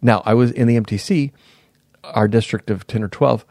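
A man in his fifties, a podcast guest, reflectively recounting his past in a casual interview, pausing and restarting sentences. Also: fairly low pitch, darkish tone, no room sound, clean studio sound. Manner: reflective, unhurried, often pauses and restarts mid-sentence.

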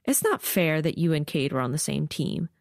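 A woman's voice: low-pitched, big pitch swings, moderate pace, vocal fry, dry recording, studio quality, heavily acted. A woman voicing an angry young female recruit who hisses and grumbles her complaints in an audiobook. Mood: resentful. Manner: hissing, grumbling.

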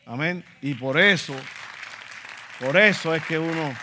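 Speaking at a measured pace in a slightly high voice, a Dominican pastor from the Dominican Republic delivers an emphatic sermon, acting out quotes in asides. A crowd and other background noise can be heard behind him in the reverberant church sanctuary.

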